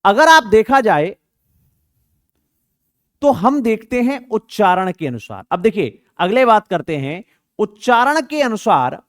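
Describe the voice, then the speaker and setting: A man's voice: sits high, very animated, slow pace, no room sound, studio quality. A man teaching an exam-prep grammar lesson, asking rhetorical questions and repeating words to show pronunciation.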